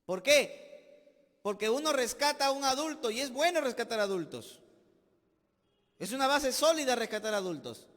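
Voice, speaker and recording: A Peruvian man preaching from the pulpit in a strikingly high voice. He drives his points with rhetorical questions and sudden loud bursts. The sanctuary gives him a long, ringing reverb. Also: expressive, normal speed, pauses often. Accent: Peruvian Spanish. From Peru. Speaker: pastor. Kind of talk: sermon. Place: church sanctuary.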